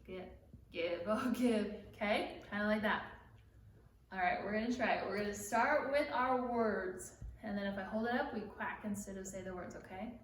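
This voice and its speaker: A woman teaching children songs, speaking gently and encouragingly and singing along. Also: medium pitch, fairly quick, a little hiss or hum. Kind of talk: children's music lesson. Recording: echoey room from far off, music behind.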